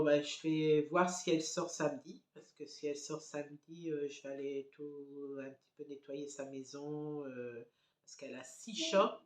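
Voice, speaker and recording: A middle-aged woman chatting casually to her phone camera at home, rambling with many hesitant fillers. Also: deep voice. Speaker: family vlogger. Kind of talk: casual vlog chat to camera. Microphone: handheld phone camera. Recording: echoey home room.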